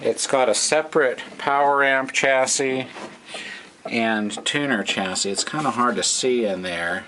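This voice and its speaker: This vintage radio hobbyist, a middle-aged man, gives an offhand walkthrough while hesitating and thinking out loud. His mid-range voice is unhurried, bright and forceful in tone, captured by the camera's own mic in a noisy amateur camcorder recording.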